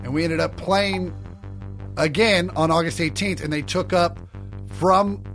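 A man's voice: on the high side, a little slow, fairly bright tone, soft background music. A man chatting casually about sports as a guest on a podcast.

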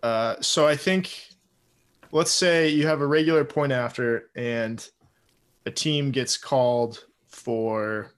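A man co-hosting a sports talk show, chatting casually and explaining things in a tentative, halting way. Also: mid-range voice. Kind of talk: casual chat.

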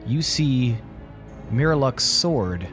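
A man narrating a tabletop role-playing game as game master, laying out scenes in deliberate, suspenseful short phrases. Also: mid-range voice, expressive, over music.

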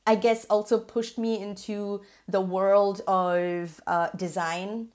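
A woman's voice: mid-range voice, little pitch movement, slow, a little mellow. A woman from Singapore, a guest on a podcast interview, talking in a chatty way with fillers and frequent laughs.

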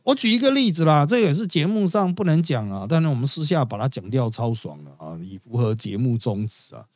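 A man's voice: medium pitch, very animated, fairly quick, no room sound, studio quality. A man with a Taiwanese Mandarin accent hosting a podcast, giving chatty, gossipy, wry political commentary. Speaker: podcast host.

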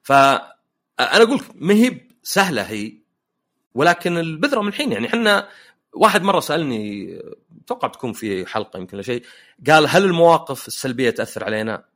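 A man's voice: a little high, sing-song, quick pace, fairly bright tone. A man hosting a casual podcast chat, telling jokey personal anecdotes. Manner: anecdotal, joking storyteller. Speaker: podcast host.

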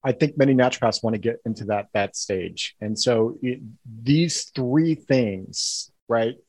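Husky man hosting a podcast, dry sound. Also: medium pitch, a little slow, darkish tone, dry recording. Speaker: podcast host.

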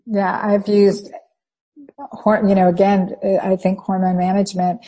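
Woman, Spanish accent, podcast host, husky tone, detailed clinical talk. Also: mid-range voice, flat delivery, a little slow, warm tone, muffled recording. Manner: detailed, fluent talk with occasional restarts. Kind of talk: conversational interview.

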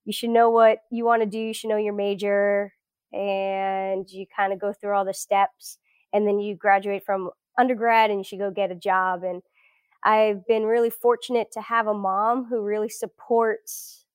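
Speaking at a moderate pace with a level tone, this woman's medium-pitched voice is clear and resonant, with no echo. She's a thirtysomething academic from South Florida, a podcast guest at home indoors. She chats reflectively, telling her story casually.

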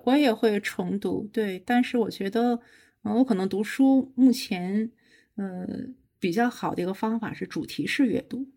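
A middle-aged woman professor, a podcast guest, explaining her habits in a measured, step-by-step way. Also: medium pitch, mellow. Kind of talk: casual chat.

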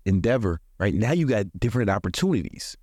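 An American man in his forties hosts a podcast, talking fast with big pitch swings in a low-side, darkish voice. His casual motivational talk is colloquial and profane, punctuated by frequent chuckles, recorded at studio quality with no room sound.

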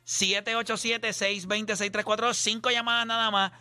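A man hosts a sports radio show, lively and quick to take calls. His voice sits high and rings very bright. The studio mic is dry, with faint music underneath. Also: smooth, no room sound. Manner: animated, takes listener calls.

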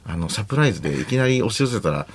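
A man in his fifties co-hosting a radio show, telling stories in lively, quick casual chat. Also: on the low side, breathy edge. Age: 50s. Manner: lively storyteller, quick chatty delivery.

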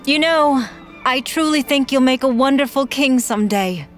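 A spirited young princess, voiced by a woman, in a high, clear voice, frank and bold. Soft music sits behind her in this storybook telling. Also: moderate pace, lightly acted. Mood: fond.

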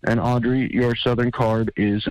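A man's voice: mid-range voice, level tone, measured pace, darkish tone, dry recording, poor audio. A man leaving a teasing voicemail message for a radio show, as a caller who corrects the hosts with mock authority. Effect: played-back voicemail message. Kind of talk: casual phoned-in message. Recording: dry voicemail recording.

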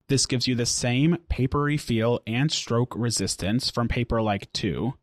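A man hosting a daily tech news podcast, reading scripted stories and a sponsor spot in a steady, clear newsreader delivery. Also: medium pitch, dry recording, studio quality. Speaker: podcast host.

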